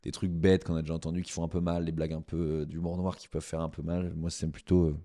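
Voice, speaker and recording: A young French man, a stand-up comedian, talking casually as a podcast guest, with halting restarts. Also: sits low. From France. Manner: animated, halting, many restarts.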